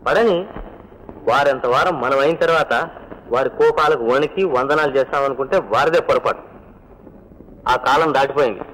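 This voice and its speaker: A man's voice: mid-range voice, normal speed, pauses often, fairly bright tone, close to an everyday voice. An actor playing a proud, defiant man of the house, speaking firmly in a 1950s film scene. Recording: hissy old film soundtrack with long reverb.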